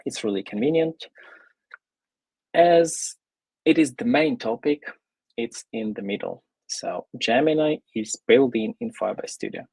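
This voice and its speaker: A man from Ukraine, presenting an online tech talk as a software developer, casual and full of fillers. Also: medium pitch, animated, vocal fry, husky, dry recording, rough recording. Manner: casual, pausing often with fillers.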